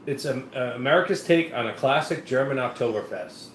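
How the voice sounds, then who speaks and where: A man's voice: medium pitch, expressive, a little fast. Man, casual beer review co-host, rambling with fillers, echoey room, faint hiss. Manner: rambling, many fillers and restarts.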